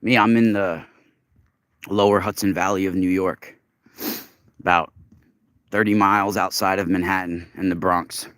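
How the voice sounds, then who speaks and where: A man's voice: deep voice, fairly even intonation, normal speed, long pauses, a bit bright, smooth, no room sound, studio quality. A man talking casually to his livestream viewers while walking outdoors, musing earnestly and stretching words for emphasis. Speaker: livestream host. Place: outdoors, walking in snow along a road.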